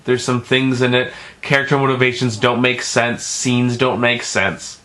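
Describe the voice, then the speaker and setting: A man's voice: mid-range voice, level tone, a little slow, fairly bright tone. A man giving a casual, profane film review, rambling and stumbling over his words, with emphatic, exasperated complaints.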